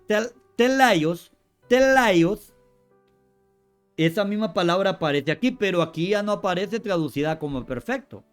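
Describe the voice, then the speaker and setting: A man teaching from scripture, going through word meanings in long lists, often repeating words and correcting himself. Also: sits high. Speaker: Bible teacher.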